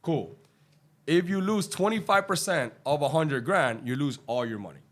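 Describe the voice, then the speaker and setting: Speaking in a fairly high, expressive and slightly bright voice, a Cuban man guesting on a podcast chats casually about his career as a day trader. He swears a lot, rambles and talks fast with plenty of fillers.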